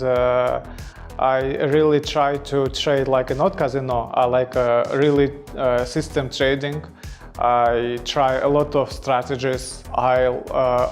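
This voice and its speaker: A man, a trader introducing himself in slow, hesitant English full of fillers. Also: medium pitch, vocal fry. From Kazakhstan. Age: 30s. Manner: slow, hesitant, many fillers and broken phrasing. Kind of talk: self-introduction in halting non-native English.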